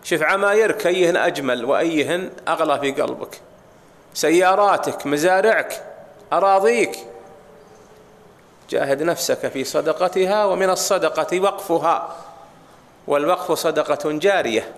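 A man's voice: a little high, fairly quick, gravelly. A man teaching as an Islamic scholar, explaining texts in a lecture, asking rhetorical questions and speaking straight to his listeners. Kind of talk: religious lecture explaining hadith. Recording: long reverb of a large hall.

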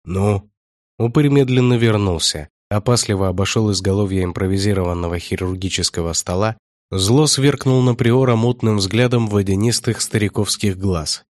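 A man with a low voice narrates an audiobook in a measured, steady way. The recording is close and dry, with no room sound. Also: no room sound.

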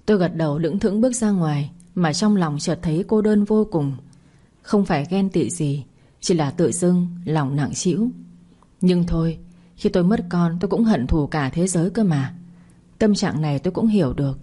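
A woman narrating a bedtime story in the first person, soft and steady. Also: lowish voice, normal speed.

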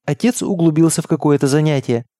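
A man narrates a novel in a steady, measured way. His voice sits a little high and sounds mellow and soft. The recording is dry and close, with no room sound. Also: no echo. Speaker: audiobook reader. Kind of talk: scripted narration.

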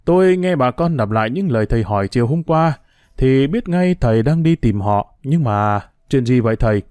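A humble, anxious older boatman , as a male reader puts him on, deferential and quick to cry out in worry. The voice is warm and mellow and sits close and dry. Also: medium pitch, expressive, dry recording, lightly acted. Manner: deferential, fretful exclamations.

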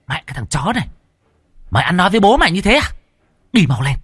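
A man's voice: low voice, sing-song, a little fast, slightly rough, no room sound, studio quality, full character voice. A man voicing a harsh, bossy burglar woman who snaps and scolds through gritted teeth. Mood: furious. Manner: snapping, grinding scold.

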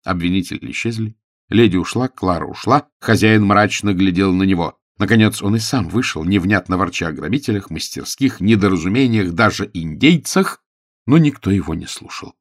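A man narrating an audiobook with a lively, expressive reading. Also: sits low, normal speed, no echo, clean studio sound.

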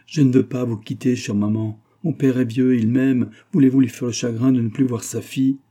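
Young noblewoman of nineteen, pleading and defiant, pitched high, played by a man with a husky voice. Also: moderate pace, dark tone, close to an everyday voice. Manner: pleading, tense.

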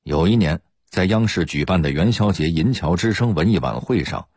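A man's voice: deep voice, expressive, moderate pace, darkish tone, slightly rough, no room sound, studio quality. A man giving an explanatory radio talk as presenter, lecturing and demonstrating dialect pronunciations.

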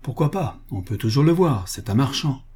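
A man voicing a sturdy, gruff young workman with a hoarse voice, curt and dismissive. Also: medium pitch, lively intonation, moderate pace, darkish tone, pitched above the performer's own voice.

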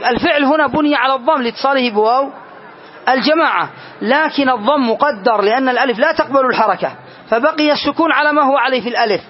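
A man teaching Arabic grammar in a classroom lesson, repeating key phrases and often asking his students if it is clear. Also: very high voice. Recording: dull lo-fi lesson recording.

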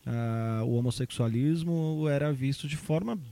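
A man's voice: mid-range voice, a little slow, creaky, warm tone. A man, hosting a casual podcast chat and telling joking, reflective stories about his youth. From São Paulo, Brazil. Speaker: podcast host.

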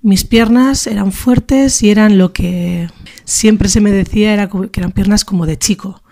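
A woman in her early thirties from the Basque Country, with a northern Spanish accent, contributes to a feminist radio show. She offers an informal personal reflection, hesitant and thoughtful, in a warm, medium-pitched voice at a moderate pace.

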